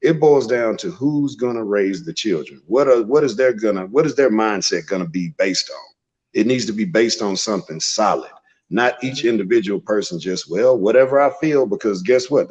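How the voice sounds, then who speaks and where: A man's voice: fairly low pitch, husky. A man speaking as a podcast guest, giving firm, preachy opinions and acting out short scenes to make his point. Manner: preachy, emphatic, tells short acted-out scenes. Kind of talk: opinionated conversational commentary. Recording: dull lo-fi podcast audio.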